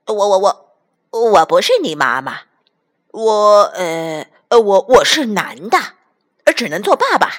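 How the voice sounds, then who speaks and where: A woman's voice: low voice, sing-song, unhurried, long pauses, bright, forceful tone, full character voice. Woman doing a stammering clever fox. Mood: flustered stammer. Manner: stammering and sighing, talking to himself. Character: clever hungry male fox, flustered new father.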